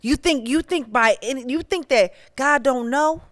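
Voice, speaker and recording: A woman's voice: sits high, normal speed, dry recording, studio quality. Outspoken woman preaching on a podcast. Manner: animated, preachy, candid. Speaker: podcast host. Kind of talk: casual monologue with preaching.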